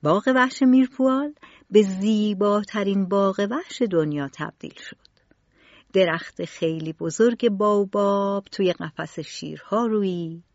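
A woman storyteller narrating a children's storybook in an expressive, varied way. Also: medium pitch, dry recording. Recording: dull lo-fi recording.

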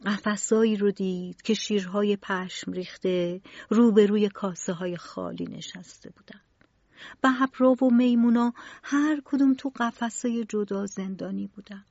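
A woman storyteller narrating a children's storybook in an expressive, varied way. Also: medium pitch, dry recording. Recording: dull lo-fi recording.

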